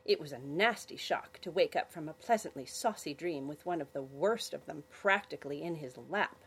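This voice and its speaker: A woman hosting a family podcast, narrating a children's adventure story with expressive storytelling. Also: low voice, normal speed, husky, poor audio.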